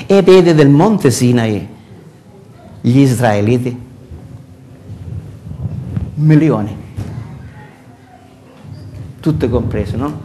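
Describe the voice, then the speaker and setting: An older man with a Sicilian Italian accent preaching a sermon as pastor in a church hall, animated and full of rhetorical questions, recorded from a far camera. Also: medium pitch, extremely slow, pauses often, a little hiss or hum.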